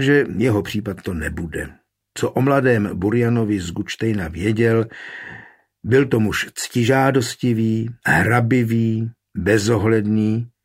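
Husky male audiobook narrator. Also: lowish voice. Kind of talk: scripted narration.

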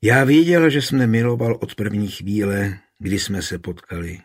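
A dying queen, soft and husky, as a man reads her lines. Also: on the low side, fairly even intonation. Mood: tender, weak. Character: dying queen, tender and frank. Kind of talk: audiobook reading.

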